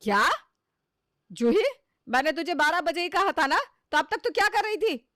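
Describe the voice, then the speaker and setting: A woman's voice: mid-range voice, animated, moderate pace, a bit bright, dry recording, clean studio sound, close to an everyday voice. Woman voicing a stern middle-aged mother-in-law.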